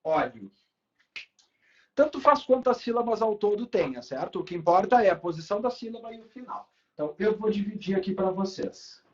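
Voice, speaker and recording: This grammar lesson comes from a male teacher with a Brazilian Portuguese accent working at a board, who lingers slowly on key words and keeps checking in with the class. He speaks in a high voice with lively intonation and a slightly mellow quality, captured on a muffled recording.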